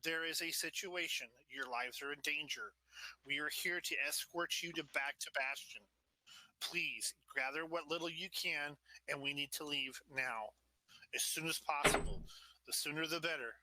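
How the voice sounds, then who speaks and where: A man voicing a male envoy with a put-on Scottish accent, announcing an urgent evacuation slowly and formally. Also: a little high, bright, forceful tone, rough recording.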